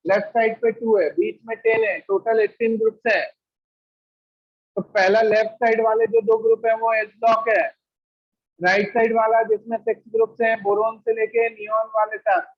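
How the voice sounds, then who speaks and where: A man's voice: high voice, little pitch movement, moderate pace, lo-fi sound. A man teaching chemistry to a classroom of students, quizzing them with repeated questions and rattling off lists of elements at speed. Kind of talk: classroom lecture.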